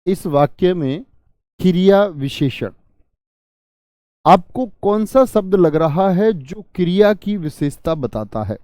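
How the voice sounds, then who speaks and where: A man's voice: high-pitched, lively intonation, slow, dark tone, no echo, studio quality. A man teaching an online grammar class. He keeps asking his students questions and then answers them himself. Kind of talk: online exam-prep grammar lesson.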